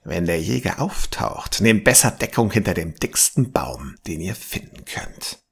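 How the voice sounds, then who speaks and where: A man's voice: low voice, very animated, vocal fry, a bit bright, breathy edge, heavily acted. Man doing a grumbling old bearded storyteller. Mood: grave warning. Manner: slow, grave warnings, sometimes dropping to a whisper.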